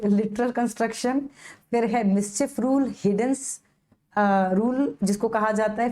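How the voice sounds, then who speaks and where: A woman's voice: mid-range voice, mellow. A young woman lecturing a live online class with an Indian English accent, patiently drilling Latin legal phrases syllable by syllable and teasing her students.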